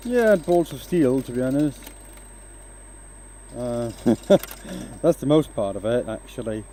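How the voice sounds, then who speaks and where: Working at the lathe in his home workshop, a man born in Denmark keeps up casual, hesitant chatter with his livestream viewers, full of fillers and restarts. He speaks at a measured pace in a warm, sing-song voice of medium pitch. There is slight background noise.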